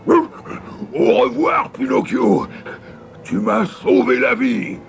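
A man's voice: extremely high pitch, drawn-out words, vocal fry, loud music behind the voice, voice pushed up, full character voice. A man voicing a grateful, kindly dog speaking earnestly. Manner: earnest, thankful.

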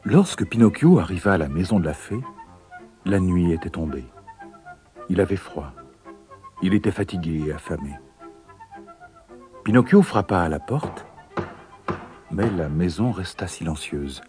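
A man reading a children's fairy tale aloud in an expressive, dramatic way. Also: deep voice, a little slow, long pauses, soft background music. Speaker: narrator. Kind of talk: storybook narration.

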